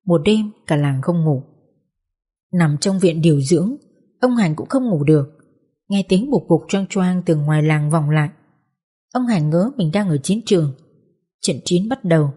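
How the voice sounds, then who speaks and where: Audiobook narrator, female, measured dramatic reading, lowish mellow voice. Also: husky. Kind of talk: scripted narration.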